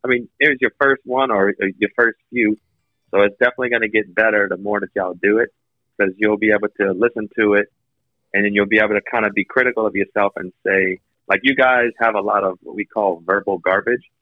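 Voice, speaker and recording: A man calling in by phone as a podcast guest, giving blunt, candid feedback in casual chat, his voice thin with no bass. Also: fairly even intonation, quick pace, no room sound. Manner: blunt, candid critique, loose with swearing. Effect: thin phone line with no bass. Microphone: phone speakerphone. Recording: dull, thin phone-call audio.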